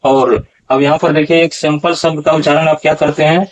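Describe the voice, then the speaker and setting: A man teaching how to pronounce a Gita verse. He talks slowly, asks questions and corrects recitations. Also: a little high, level tone, highs cut off. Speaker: Sanskrit pronunciation teacher.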